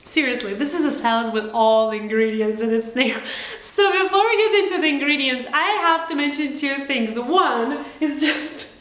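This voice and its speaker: High-pitched, excitable young woman in a roomy kitchen. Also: moderate pace, a little hiss or hum. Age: young adult. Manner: excited, giggly, expressive. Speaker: host of a home cooking challenge vlog. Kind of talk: casual chat to camera. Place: home kitchen, indoors.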